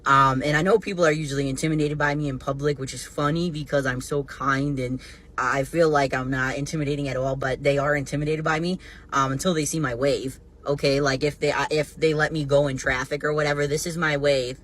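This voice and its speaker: A man's voice: on the high side, level tone, a little fast, a bit bright. Chatty man, full of "um" and "like". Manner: chatty, many "um" and "like". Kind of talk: storytelling to camera.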